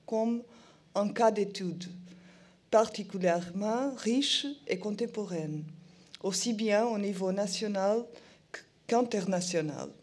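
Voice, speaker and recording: A woman reads a formal lecture in a soft-toned, relaxed voice. Her French carries a foreign Portuguese accent and moves slowly, with stumbles on longer words. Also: medium pitch. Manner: halting, non-native French with stumbles on words. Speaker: museum programme director giving a lecture. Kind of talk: prepared lecture, read aloud.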